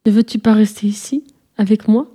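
A woman's voice: mid-range voice, steady tone, a little fast, slightly rough, lightly acted. A lonely forest witch, as a woman narrator puts her on. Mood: pleading. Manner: soft, pleading. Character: lonely old female forest witch, longing.

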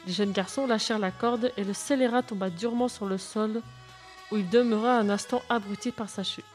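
A woman narrating a children's adventure story aloud in a steady, clear reading voice. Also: mid-range voice, a little fast, soft background music.

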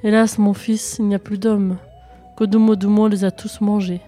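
Lady doing a worried storybook mom, tender, soft dark voice, bit of music behind. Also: mid-range voice, level tone, normal speed, natural voice. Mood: sorrowful. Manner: tender and fearful. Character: worried village mother, lone survivor.

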